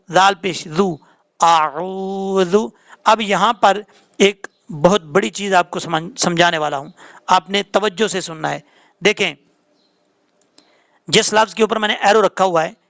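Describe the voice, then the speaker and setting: Male tajweed teacher. High, gravelly voice in a dry room. He alternates brisk explanation with slow chanted recitation. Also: fairly bright tone, no room sound. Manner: patient, drawn-out chanted recitation between quick explanations. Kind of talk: tajweed lesson, spelling out letters and reciting slowly.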